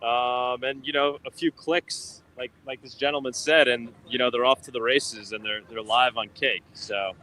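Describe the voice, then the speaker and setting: Bright-voiced male host, loose rambling street chat. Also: medium pitch, steady tone, moderate pace, hardly any pauses, low-quality recording. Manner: loose, rambling, many fillers and restarts. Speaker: podcast host. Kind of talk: casual livestream chat. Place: outdoors on a street, coffee stand.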